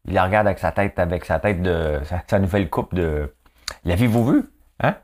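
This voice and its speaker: A man's voice: low voice, animated, normal speed, darkish tone. A man with a Quebec French accent and a nasal voice, hosting a casual, joking commentary monologue and tagging his sentences with "hein". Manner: chatty, joking, fills talk with "hein". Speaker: show host.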